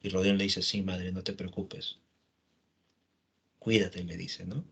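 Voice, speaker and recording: Guy teacher going through a novel's plot, bright voice, lowish pitch, keeps tacking on little questions. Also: little pitch movement, takes it slowly, gravelly, husky. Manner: frequent tag questions, quotes the characters' lines plainly. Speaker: literature teacher. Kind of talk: retelling a novel's plot in a lesson.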